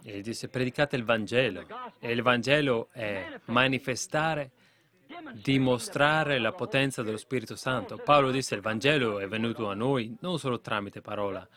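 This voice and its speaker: A man preaching a fervent sermon to a congregation, building to loud exhortations. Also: mid-range voice, normal speed.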